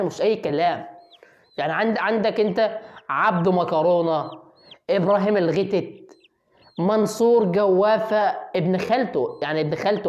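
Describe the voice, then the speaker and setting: A woman with an Egyptian accent giving playful voice-over commentary on a video. She teases the people on screen like a mock sportscaster and sometimes breaks into excited yells. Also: mid-range voice, dull audio. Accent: Egyptian Arabic.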